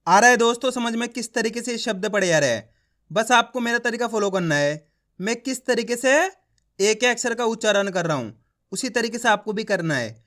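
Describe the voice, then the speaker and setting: A man teaches reading online, sounding out words syllable by syllable, drawing out each finished word, and coaxing the viewer directly. His voice sits high and is expressive and fairly bright, at a moderate pace.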